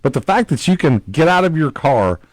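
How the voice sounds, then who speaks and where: A man hosting a casual studio interview, chatty and folksy, quick to agree with emphasis. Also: on the high side, very animated, dry recording. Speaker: radio show host. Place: radio studio.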